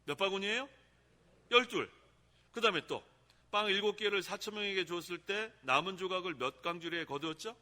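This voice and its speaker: A man preaches a sermon from the pulpit in a high, sharp voice. He keeps asking the congregation questions and repeating key phrases. His voice rings with the long reverb of a church hall. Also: fast. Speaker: pastor. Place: church sanctuary.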